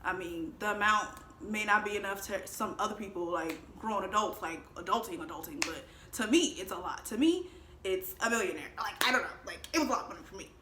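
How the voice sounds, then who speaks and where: A woman's voice: medium pitch, fairly quick, pushed and bright, roomy sound, slight background noise. A woman in her twenties telling a casual storytime vlog, chatty and laughing, acting out the voices of the people in her story. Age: 20s. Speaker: vlogger.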